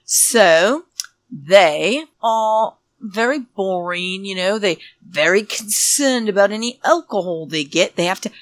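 A woman's voice: mid-range voice, animated, slow pace, no echo. A woman hosting a solo podcast, giving a sarcastic, catty, ranting recap. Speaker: podcast host.

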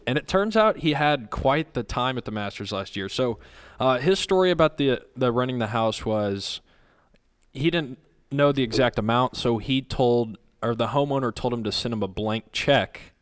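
A man hosts a casual podcast and tells gossip in a loose, easygoing way. His voice is smooth and clear at a mid pitch. He swears freely as he goes. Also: lively intonation, moderate pace. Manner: laid-back gossipy storytelling with cursing. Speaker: podcast host.

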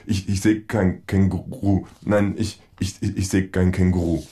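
A man playing a jittery psychiatrist in a comic audiobook reading, stammering and going shrill. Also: little pitch movement, unhurried, dark tone. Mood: panicky, stammering. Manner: stuttering, shrill, panicky.

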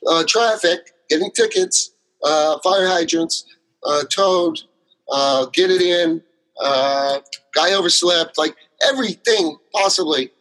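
A man's voice: high-pitched, a bit bright, low-quality recording. A man chatting as a guest about his solo theater work, telling long rambling stories full of fillers and restarts. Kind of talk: casual interview chat.

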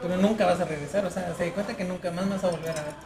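A podcast host with a Guatemalan accent who chats casually, relaxed and joking, with plenty of slang. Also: medium pitch, racing, music in the background. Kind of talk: casual chat. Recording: roomy echo.

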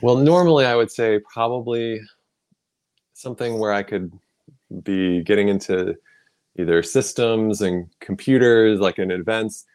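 A man speaks as an interview guest, a physician who coaches colleagues. His voice is on the low side, and his delivery is relaxed and measured, with occasional fillers. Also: clean tone. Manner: relaxed and measured, explains steadily with some fillers. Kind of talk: casual interview conversation.

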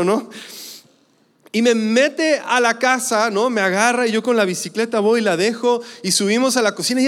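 Young Mexican man, high smooth voice, casual storytelling, hall echo. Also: a bit bright. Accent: Mexican Spanish. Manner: conversational, many fillers. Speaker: speaker. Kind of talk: personal storytelling talk. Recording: echoey hall.

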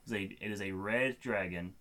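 Young man, twenties, podcast co-host; bright, forceful voice, rambling casual chat. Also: fairly low pitch, moderate pace. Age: 20s. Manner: rambling, restarts sentences, laughs often. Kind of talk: casual chat among friends.

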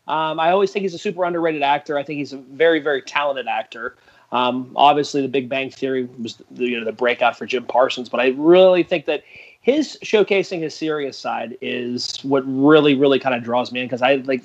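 A man chatting casually as a podcast co-host, very informal in his wording. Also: medium pitch. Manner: informal, peppered with 'like' and 'you know'. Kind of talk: casual chat. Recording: dull, slightly lo-fi microphone sound.

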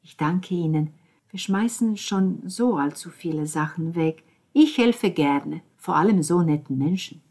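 Audiobook: woman narrator doing flustered neighbor lady, eager, breathy, rushed. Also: lowish voice, darkish tone. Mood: warm, shy. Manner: breathless, quick and pleading. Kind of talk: audiobook character voice.

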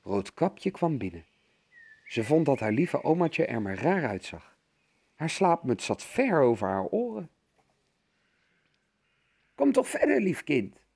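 A man reading a children's fairy tale aloud as narrator, with expressive storytelling. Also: mid-range voice, a little slow, husky.

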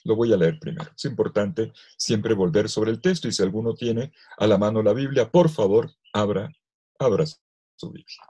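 A priest gives a scripture lesson to clergy, reading aloud with expressive emphasis and acting out the quoted lines. His male voice is fairly low, with a breathy edge, at a moderate pace.

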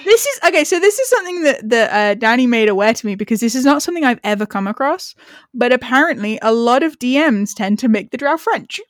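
Woman podcast co-host, casual and frank, a little high, dry close sound. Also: expressive, fast talker, no room sound. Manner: frank, swears, laughs often. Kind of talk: casual chat.

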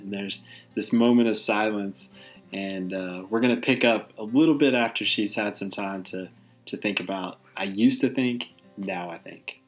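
A man hosting an interview podcast in an informal, encouraging way, moving between conversation and narration. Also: on the low side.

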